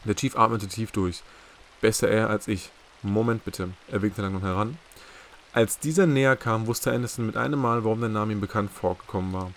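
A man narrating a novel chapter as a hobby audiobook, with steady, measured storytelling. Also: on the low side, slight background noise. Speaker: audiobook reader.

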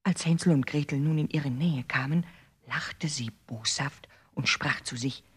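A woman narrating a fairy tale in a measured, expressive storybook reading. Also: sits low, slightly rough.

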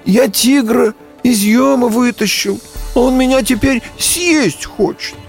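A timid little storybook fawn pleads in a thin, high, shaky voice. The voice sits far above a grown man's speech and begs with every phrase. Faint music sits underneath. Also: takes it slowly. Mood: pleading. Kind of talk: storybook reading.

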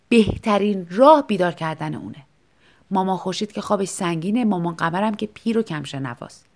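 A woman narrating a scripted story in an expressive, lively way. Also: medium pitch.

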